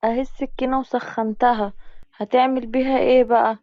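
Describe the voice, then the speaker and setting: A woman's voice: a little high, flat delivery, brisk, no room sound, lo-fi sound, close to an everyday voice. A woman voicing a frightened young village woman. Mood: fretful. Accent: Egyptian Arabic. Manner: fretful exclamations.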